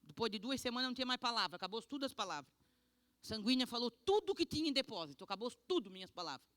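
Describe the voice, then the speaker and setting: A woman pastor from Brazil giving an animated, emotional testimony sermon. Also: fairly high pitch, fast, no echo.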